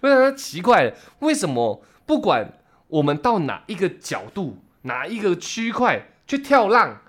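Young male podcast co-host, high, bouncy voice, swears casually. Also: moderate pace. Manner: excitable, swears casually, repeats words for emphasis. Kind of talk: animated storytelling chat.

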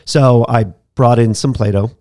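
A man hosting a podcast, telling a story about his teaching days in a casual, animated way with frequent laughs and restarts. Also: medium pitch, measured pace, no echo, studio quality. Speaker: podcast host, former teacher.

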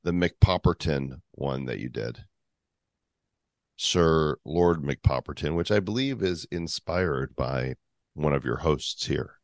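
A man with a very deep voice and a dry, close sound, casually co-hosting a podcast. He is easygoing, prompting and reacting to his partner over a video call. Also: takes it slowly, dry recording. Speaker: podcast co-host. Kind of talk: casual chat.

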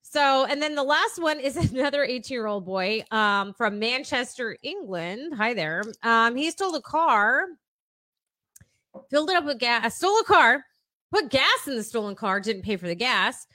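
A woman with a fairly high voice co-hosts a casual podcast. She retells weird news with laughter and plenty of swearing. The sound is close and dry, with no room behind her. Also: moderate pace, dry recording, rough recording. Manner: animated storyteller, laughs often and swears freely. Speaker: podcast co-host. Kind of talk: casual chat.

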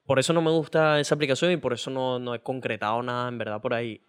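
A man's voice: mid-range voice, little pitch movement, quick pace, clean tone. A young man with a Venezuelan accent, co-hosting a casual podcast and telling a story animatedly with crude slang. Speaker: podcast co-host. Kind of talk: casual chat.

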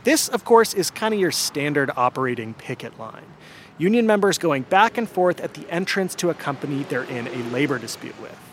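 Male radio host, scripted narration, slightly high voice, animated pitch. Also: a little fast, a little hiss or hum. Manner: lively, storytelling delivery.

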